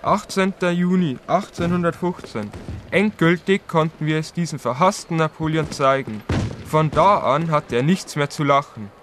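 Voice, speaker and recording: A man's voice: fairly high pitch, moderate pace, fairly bright tone, a little hiss or hum, natural voice. A man playing a grumpy, proud old king who grumbles pompously about the young in an educational audio drama. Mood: triumphant, scornful.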